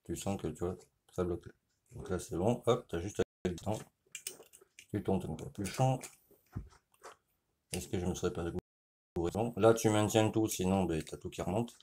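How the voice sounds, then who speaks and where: Low, dark-voiced French man explaining. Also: slight background noise. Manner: informal, speaks directly to the viewer, frequent "tu vois"; explains while working, with pauses and restarts. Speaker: motorcycle mechanic. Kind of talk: casual hands-on tutorial.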